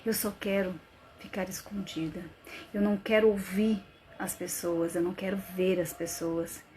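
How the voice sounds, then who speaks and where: Casting: a woman playing an anxious woman lost in her own panic, halting and pleading, mid-pitched, with background noise in the track. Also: fairly even intonation, warm tone, natural voice. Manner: halting, pleading, questioning herself. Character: anxious adult woman tormented by panic attacks. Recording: noisy live-stream audio.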